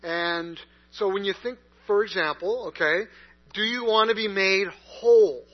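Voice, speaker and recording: Over a lo-fi recording with a dull sound and mains hum, a pastor delivers a sermon in a voice that sits high and moves a little slowly. His style is conversational, marked by frequent fillers and false starts.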